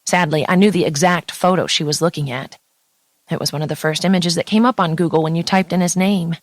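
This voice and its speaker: Woman, first-person romance narration, lower pitch, dry studio sound, intimate. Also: steady tone, a little fast, dry recording. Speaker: audiobook narrator.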